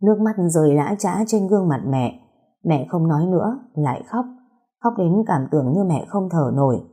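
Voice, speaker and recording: Female narrator for a first-person audio story; dark, mellow tone, steady and somber. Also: deep voice, moderate pace, breathy edge.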